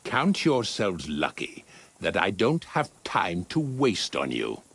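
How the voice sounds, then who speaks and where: A man's voice: sits low, huge pitch swings, takes it slowly, fairly bright tone, slight background noise, full character voice. A man playing a dismissive castle commander in a video game, formal and condescending. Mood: sardonic. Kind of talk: video game dialogue acting.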